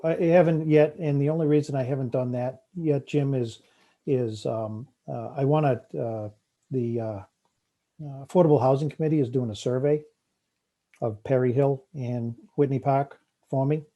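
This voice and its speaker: A man with a Boston accent speaking at a town committee meeting, halting with many fillers and restarts as he presents a park project. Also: mid-range voice, warm tone, dull audio.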